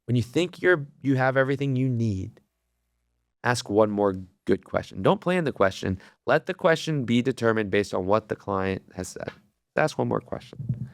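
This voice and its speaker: A man's voice: medium pitch, expressive, normal speed, vocal fry, no echo, studio quality. A man in his thirties hosting a solo podcast, telling a story casually with lots of "like" and restarts. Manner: rambling storytelling with many fillers. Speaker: podcast host.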